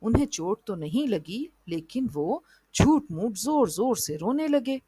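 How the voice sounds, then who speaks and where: A woman narrating a children's moral story in an even storybook reading style. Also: a little high, measured pace, breathy edge, no room sound.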